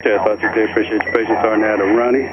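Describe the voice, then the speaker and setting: Tower controller guy on the radio, static bursts everywhere, fast flat monotone. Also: fairly low pitch. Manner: rapid clipped monotone phraseology. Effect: radio transmission with static bursts. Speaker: air traffic controller. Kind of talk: terse radio instructions. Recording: noisy lo-fi radio feed.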